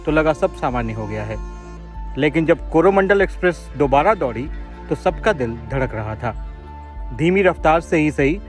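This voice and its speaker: A man reporting the news in a measured, dramatic scripted narration. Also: on the high side. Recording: voice-over with loud background music.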